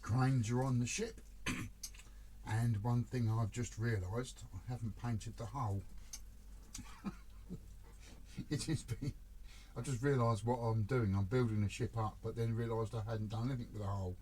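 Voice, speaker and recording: A man's voice: mid-range voice, fairly even intonation, unhurried, long pauses, warm tone, a little hiss or hum, poor audio. A man casually talking through a model ship build, chatty and self-deprecating, muttering to himself as he works.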